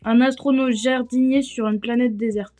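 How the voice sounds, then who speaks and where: A woman's voice: fairly high pitch, steady tone, moderate pace, darkish tone, dry recording, faint music behind. A young woman from France vlogging on her phone, rambling and joking at herself in a casual way. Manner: rambling, self-mocking and chatty. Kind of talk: casual vlog chat. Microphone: handheld phone.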